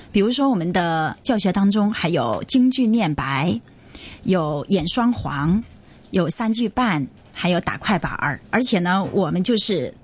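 A woman's voice: on the low side, husky. A woman language teacher explaining her course earnestly in an interview. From Hong Kong.

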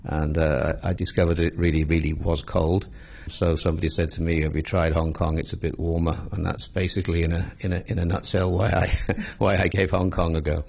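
A man in his sixties from England, a former police commander, answering interview questions in a measured way with dry, understated humour. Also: sits low, little pitch movement, gravelly, darkish tone, breathy edge.

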